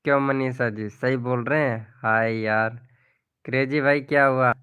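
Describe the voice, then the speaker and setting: A man runs a casual live stream, reading viewers' comments and calling out names as he chats. His voice is smooth and clear, and he speaks at a slow, easygoing pace. He laughs easily and keeps the talk friendly. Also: mid-range voice, fairly even intonation, a bit bright, dull audio. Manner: chatty, addresses viewers by name, laughs often. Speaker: live stream host promoting channels.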